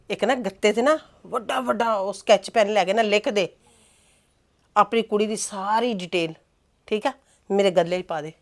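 An actress playing a sharp-tongued middle-aged mother in a family web drama, scolding and mocking her grown son with theatrical exclamations. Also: mid-range voice, lightly acted.

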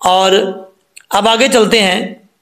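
A man teaching Quran pronunciation, patiently explaining each mistake step by step and then reciting the verses slowly in a chanted voice. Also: sits high, steady tone, a bit bright. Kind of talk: tajweed lesson with slow chanted recitation.

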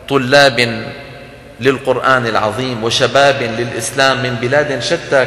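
A man's voice: medium pitch, a bit bright. Man lecturing in an echoey hall. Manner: explanatory, asks the audience questions and demonstrates sounds. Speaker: lecturer on Quran recitation. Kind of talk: religious lecture to an audience.

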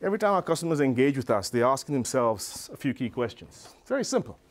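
Animated male business speaker. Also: mid-range voice, fast. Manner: animated, conversational storyteller with frequent "you know". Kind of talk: motivational keynote storytelling. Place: live presentation before an audience.

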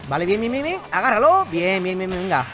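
A young man with a Spain Spanish accent comments on his own gameplay in an excitable, slangy way, talking straight to his viewers. His voice swings up and down a lot. Game music plays clearly behind him. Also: high-pitched, a little fast. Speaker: gaming YouTuber.

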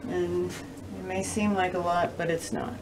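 A woman's voice: on the low side, little pitch movement, measured pace, noisy background. A middle-aged woman hosting a home cooking show, chatting through each step as she cooks in her kitchen. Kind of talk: casual cooking demonstration. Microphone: camera a few feet away. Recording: distant camera mic with kitchen clatter.

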